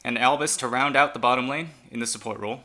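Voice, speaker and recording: Announcing players one by one, this esports caster, whose first language is Chinese, keeps his fan commentary casual and chatty. He speaks fast in a steady, medium-pitched voice that sounds pushed and bright.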